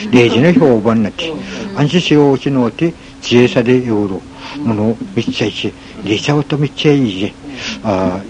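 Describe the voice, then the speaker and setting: A man with an Okinawan accent telling a folk tale in a halting way, pausing often with fillers. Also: mid-range voice, a little mellow. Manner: halting, with many pauses and fillers. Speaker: folk storyteller. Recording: noisy recording with ambient hiss.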